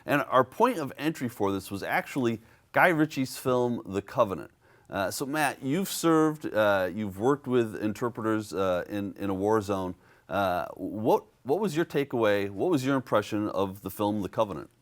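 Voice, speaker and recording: A man hosting a public affairs interview show, asking measured questions with frequent fillers. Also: fairly low pitch, expressive. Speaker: host.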